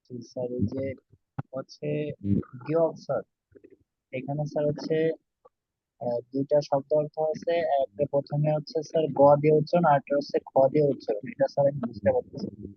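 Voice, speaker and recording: A man's voice: a little high, steady tone, fairly quick, long pauses, husky, no echo, dull audio. A male student asking questions in an online class, polite, adding "sir" after nearly every phrase.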